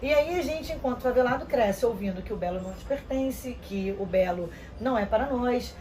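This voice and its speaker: A woman, giving earnest, measured interview answers with some hesitant restarts. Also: on the high side, expressive, darkish tone, rough recording. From Rio de Janeiro, Brazil. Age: 30s. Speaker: interview guest.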